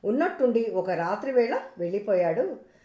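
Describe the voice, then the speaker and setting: A woman's voice: medium pitch, sing-song, normal speed, warm tone, natural voice. A woman voicing a grieving, childless wife who tearfully pleads for help. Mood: pleading. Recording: roomy echo.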